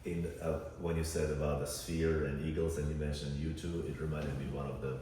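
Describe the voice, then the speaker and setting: Deep-voiced man, rambling reflective chat. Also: little pitch movement, fairly quick, mellow. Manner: rambling, reflective storyteller with many fillers. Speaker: podcast co-host. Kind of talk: casual chat. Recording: echoey room, far from the mic, faint noise.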